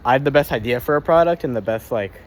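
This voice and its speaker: A man's voice: medium pitch, fast talker. A young man keeping a casual spoken journal, rambling, swearing freely and often repeating himself or tripping over his words.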